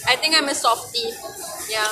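A woman's voice: a little high, normal speed, music in the background. A young woman with a Malaysian English accent, chatting casually as a podcast co-host in a restaurant, mixing in Malay words and laughing often. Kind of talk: casual chat.

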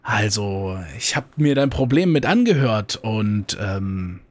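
A sly, scheming fox from a spoken fable, put on by a man with a low, hushed, coaxing voice. The sound is dry and close. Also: sing-song, slow, no room sound.

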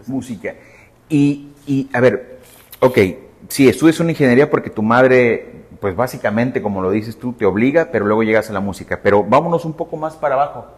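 A man's voice: mid-range voice, a little fast, big-room sound. A man hosting a podcast, chatting in a friendly way with a guest and laughing easily. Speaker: podcast host. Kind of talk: casual interview.

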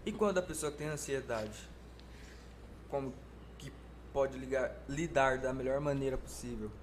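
A man, asking questions in a halting, hesitant way in a casual chat. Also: medium pitch, slight background noise. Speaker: interviewer. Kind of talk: casual conversation.

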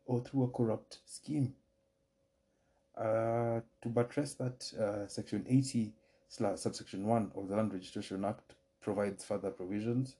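A Kenyan man with a low, mellow voice lectures on law as a podcast host. He speaks formally and carefully, now and then restarting a phrase. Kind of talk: solo legal explainer podcast.

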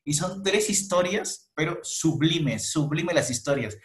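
A man hosting a casual chat, telling stories in an animated, slangy way with many restarts. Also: a little high, a little slow. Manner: animated storyteller, slangy, frequent restarts and laughs. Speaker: podcast host. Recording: echoey room.

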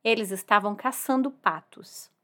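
A woman narrating a children's story expressively. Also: mid-range voice. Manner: animated, expressive, drawn-out words.

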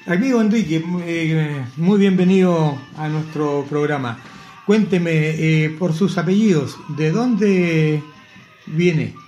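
High-voiced cheerful Chilean radio host. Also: male voice, slow, a little mellow, soft background music. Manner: cheerful, effusive greetings, laughs easily. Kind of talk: radio show hosting.

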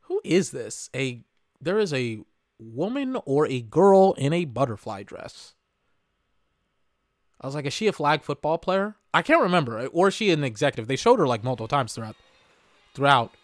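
A man's voice: fairly high pitch, sing-song, moderate pace, no room sound, clean studio sound. A man hosting a podcast, reacting live to an awards broadcast in casual, rambling commentary, often exasperated and swearing. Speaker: podcast host.

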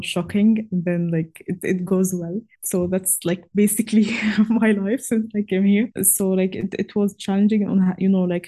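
A woman's voice: fairly low pitch, warm tone. A young woman from Egypt in her twenties, answering interview questions casually and hesitantly, with frequent fillers and restarts. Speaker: guest.

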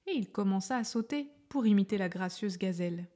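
A woman reading a children's story aloud in a soft, gentle way, often half-whispered. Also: medium pitch, lively intonation, fairly quick.

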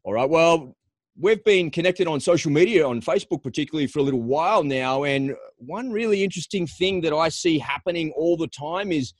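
Expressive and brisk, this man's fairly high voice introduces his podcast with promotional enthusiasm and then turns to interviewing a guest. He's an Australian host, heard in a dry, studio-quality recording.

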